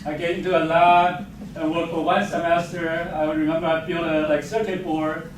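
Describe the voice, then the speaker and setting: A geophysics professor from Taiwan delivers an informal faculty talk in English, his slightly high voice holding steady in pitch at a normal pace. He chuckles frequently, makes fun of himself, and speaks with non-native grammar. Recorded from afar in a very echoey lecture hall, the audio is noisy.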